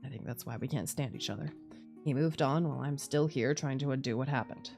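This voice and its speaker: A woman's voice: rumbling low, a little fast, a little mellow, soft background music, pitched below the performer's own voice. A woman voicing a weary, anguished male doctor in a visual novel, tender and self-blaming, with a subdued, heavy-hearted delivery. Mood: bitter regret. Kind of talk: visual novel dialogue reading.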